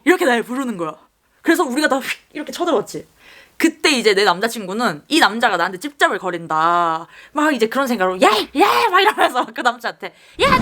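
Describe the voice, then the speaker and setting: Young woman, casual storytelling, imitates people, animated voice. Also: a little high, slight background noise. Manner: lively, mimics the people in her story. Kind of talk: casual storytelling while doing makeup.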